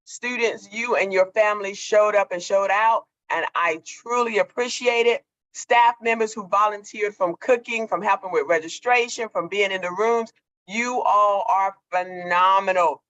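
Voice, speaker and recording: A woman on the school staff delivers a morning announcement over a video call on the school intercom, giving warm, effusive thanks and repeating herself. Her voice is mid-range at a normal speed, with the highs cut off by the video-call-over-intercom sound.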